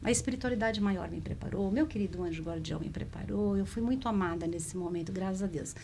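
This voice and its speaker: A woman telling a personal story in a conversation, in a lively, emotional way. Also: mid-range voice, fast, slight background noise. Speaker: spiritist speaker.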